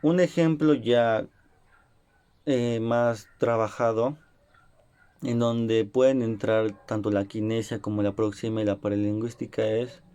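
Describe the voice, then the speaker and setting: A man's voice: fairly low pitch, fairly even intonation, a little slow, dark tone, clean tone. A young man giving a class presentation, explaining points and acting out short examples. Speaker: student presenter.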